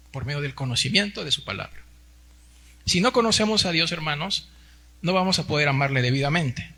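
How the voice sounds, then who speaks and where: Bright and forceful, the voice sits on the high side. It belongs to a Peruvian pastor in his forties giving a Sunday sermon in Peruvian Spanish, who keeps appending tag questions and refers to the congregation as brothers.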